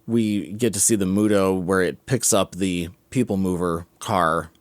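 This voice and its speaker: A man with a very low, deep voice co-hosts a casual podcast chat. He speaks in a measured, halting way and sometimes restarts his sentences. The sound is dry and close to the mic. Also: fairly even intonation, no room sound. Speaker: podcast co-host. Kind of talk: casual chat about films.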